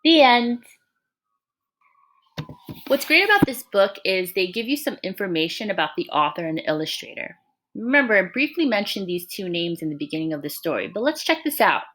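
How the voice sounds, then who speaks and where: A mid-range female voice, with a little hiss or hum in the background, reads a picture book to young children like a teacher. She stays expressive and encouraging, pausing to question the listeners and offer asides.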